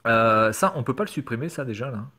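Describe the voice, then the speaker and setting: A man's voice: mid-range voice, animated, fairly quick, bright, forceful tone. A man reading quiz questions aloud in a casual commentary video, sarcastic and hesitant, swearing now and then. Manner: reads quiz questions aloud and answers them. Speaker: YouTuber. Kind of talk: casual screen-recorded commentary.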